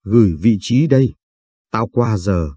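Brash young woman friend voiced by a man, fires off blunt questions, husky and mellow, audiobook. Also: fairly low pitch, no echo, studio quality. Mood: brusque. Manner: blunt, rapid-fire questions, crude slang.

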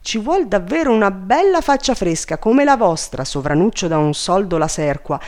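A reader voicing a spoiled, furious young princess in a storybook reading, shrill and insulting. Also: a little mellow, close to an everyday voice.

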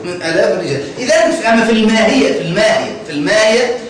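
A man with a Tunisian Arabic accent teaches a grammar lesson to a class, often stopping to ask whether they follow. He speaks at a racing pace with a high voice and lively intonation. The mic is far off in an echoey classroom, with a crowd audible in the background.

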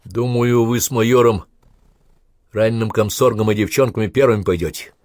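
A man voicing an experienced, blunt army sergeant who gives brisk, matter-of-fact reports. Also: fairly low pitch, steady tone, darkish tone, no echo, studio quality, pitched above the performer's own voice, lightly acted. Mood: steady.

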